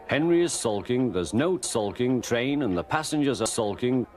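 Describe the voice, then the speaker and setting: A man's voice: medium pitch, animated, moderate pace. A man narrating a children's story, his words spliced together from separate clips.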